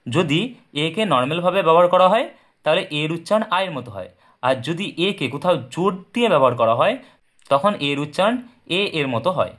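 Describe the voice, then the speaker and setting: A man's voice: fairly high pitch, animated, a little fast, fairly bright tone. A man teaching an English pronunciation lesson, patient and repetitive, asking questions and answering them himself. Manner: patient, repeats points and asks then answers his own questions. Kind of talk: explaining a lesson. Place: indoors at a desk with paper and pen.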